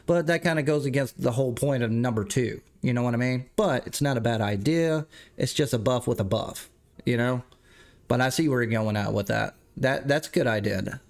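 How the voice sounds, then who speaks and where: A man's voice: mid-range voice, normal speed. Stuffed-up man rambling on a game stream. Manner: rambling, self-correcting, chatty with viewers. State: stuffed up, clearing throat. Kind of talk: casual livestream commentary.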